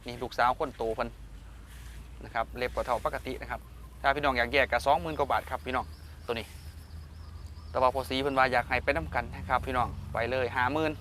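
A man with an Isan accent sells live to his viewers in a fast, hyped patter. His voice is bright and forceful, and he keeps calling out to the audience and checking for agreement. There is some background noise from an outdoor location. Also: medium pitch, steady tone. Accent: northeastern Thai (Isan). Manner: repeatedly addresses viewers and prompts for agreement. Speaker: host of cattle-sale videos.

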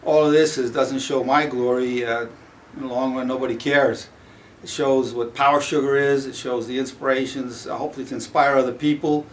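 A man in his seventies talking to camera in a small home gym, rambling and halting with many pauses and fillers. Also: mid-range voice, steady tone, recorded from a distance, slight background noise. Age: 70s. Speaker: fitness vlogger promoting his product. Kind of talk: casual talk to camera.

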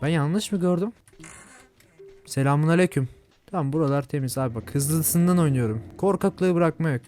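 A young man with a Turkish accent giving chatty, jumpy commentary while playing a horror game, yelling at scares. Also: fairly high pitch, normal speed, faint music behind. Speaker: gaming channel host.

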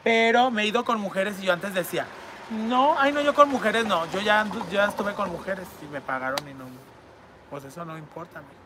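A man's voice: sits high, fast talker, noisy background. A man, reading viewer comments aloud in a campy, crude and teasing comedic chat. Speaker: online entertainer reading fan messages.

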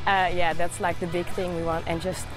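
A woman's voice: on the low side, over music, low-quality recording. A young woman from the Netherlands with a Dutch accent, a college field hockey player talking casually in an interview. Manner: relaxed, with little "uh" pauses.

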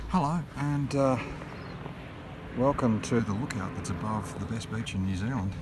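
Chatty man vlogging amid loud noise. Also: on the low side, moderate pace. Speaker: travel vlog host. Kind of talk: casual travel chat. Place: outdoors at lookouts and inside a moving car. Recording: loud wind and car road noise.

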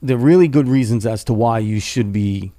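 Rambling through a casual interview, a podcast host keeps ending his sentences with "right?" His mid-range voice has a dark tone and a normal pace, heard close on a studio boom mic with headphones and no room sound.

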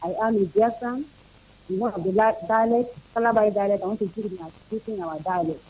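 Very high-voiced rambling male caller. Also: darkish tone, breathy edge, rough recording. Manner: rambling, halting. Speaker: radio correspondent. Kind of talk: radio call-in report.

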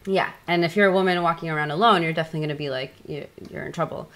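A woman in her thirties talks as a guest author in a relaxed interview. Her voice sits low but has a bright, forward edge. She rambles casually, leaning on fillers and laughing often. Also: very fast.

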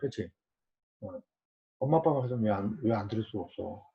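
A man's voice: fairly low pitch, expressive, fairly quick, vocal fry. Man leading a casual Bible study. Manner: conversational, asks the group questions, acts out quoted parents and children. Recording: dull lo-fi recording.

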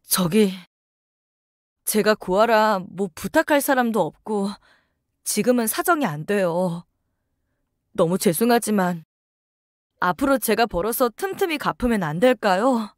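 A woman's voice: mid-range voice, expressive, unhurried, long pauses, dry recording, clean studio sound, close to an everyday voice. A woman voicing a poor woman patient who apologizes and begs for mercy. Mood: pleading. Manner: pleading, apologetic, soft.

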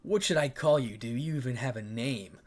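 A man playing a cold young male antihero in a fan-made story, calm and even, with a mocking edge. He speaks seriously and scoffs at those who come for him. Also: medium pitch, fairly quick, natural voice.

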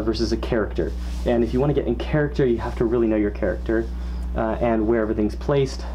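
A man's voice: medium pitch, warm tone, slight background noise. A man explaining fursuit performance in a casual, rambling way, his voice muffled by the costume head he is wearing. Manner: rambling, many fillers and restarts. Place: indoors at home.

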